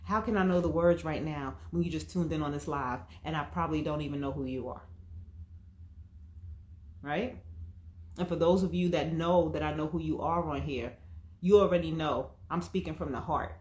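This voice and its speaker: A woman's voice: low-pitched, moderate pace, darkish tone, roomy sound. A woman in her thirties, an emotional wellness coach, giving an emphatic and preachy livestream talk that speaks straight to her viewers.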